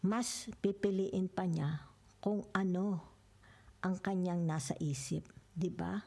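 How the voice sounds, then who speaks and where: A woman talks through a tarot spread in a low, gravelly voice. Her tone is dark and mellow, and she drifts into soft whispers now and then. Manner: chatty, mixes English into Tagalog, keeps checking "di ba?"; drops into whispers at times. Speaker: tarot reader. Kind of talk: casual tarot reading.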